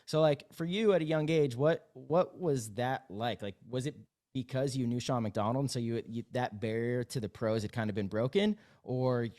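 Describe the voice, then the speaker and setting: A man's voice: medium pitch, moderate pace, few pauses, darkish tone. A man in his thirties hosting a casual podcast interview, asking friendly questions that ramble. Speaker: podcast host.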